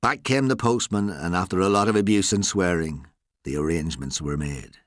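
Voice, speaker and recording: A man reading a story aloud as narrator, in a measured, expressive storytelling manner. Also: deep voice, no echo, studio quality.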